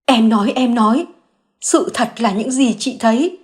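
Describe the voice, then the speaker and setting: A woman voicing a young mother caught in a lie, crying and begging forgiveness in a high, strained voice. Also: unhurried. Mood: tearful confession. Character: young mother caught lying, tearful, groveling.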